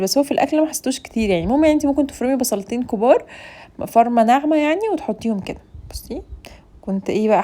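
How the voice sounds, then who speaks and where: A talkative Egyptian woman rattles through a home cooking tutorial at a breakneck pace. Her voice sits a little high but sounds soft and mellow rather than sharp. She jokes and speaks directly to her viewers as she cooks. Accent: Egyptian Arabic. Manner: talkative, playful, teasing, addresses viewers directly.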